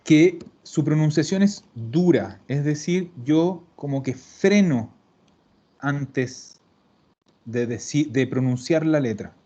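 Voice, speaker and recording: A man teaching an online Italian class, explaining slowly and patiently to his students. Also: a little high, mellow. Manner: slow, patient explaining, addresses students formally. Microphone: video call. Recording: dull lo-fi video call audio.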